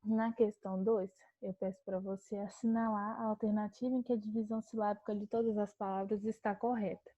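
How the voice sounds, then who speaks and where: A Brazilian woman teacher giving a calm online grammar lesson, explaining step by step and slowing to spell out words. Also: mid-range voice, no echo, dull audio. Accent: Brazilian Portuguese.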